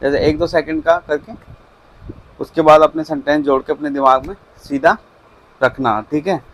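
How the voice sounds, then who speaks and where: A man's voice: on the high side, steady tone, moderate pace, low-quality recording. A man casually coaching viewers on how to handle job interviews, often checking in with them as he goes. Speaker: career advice vlogger. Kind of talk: casual instructional talk.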